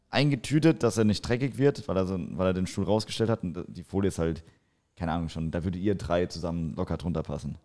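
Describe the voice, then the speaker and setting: A man's voice: lowish voice, dark tone. A man co-hosting a casual podcast, telling long prank stories with crude slang and frequent laughter. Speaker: podcast co-host.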